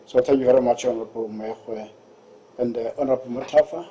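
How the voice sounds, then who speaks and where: A man's voice: mid-range voice, fairly even intonation, a little fast, dark tone, a little hiss or hum. A man chairing a formal meeting, unscripted and hesitant, repeating phrases, recorded on an echoey, distant mic. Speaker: committee chair.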